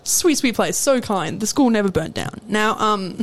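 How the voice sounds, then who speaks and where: A woman's voice: mid-range voice, moderate pace, slight background noise. A young woman, co-hosting a podcast and telling workplace stories with frequent laughter. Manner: laughs often, animated storytelling. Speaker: podcast co-host. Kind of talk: casual storytelling chat.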